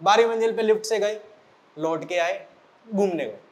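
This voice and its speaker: A high-pitched male teacher telling a story in a lively way, speaking straight to his students. He is from central India and uses the tale to set homework. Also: moderate pace. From Morena, central India. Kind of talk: storytelling lesson. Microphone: recording for an online class video.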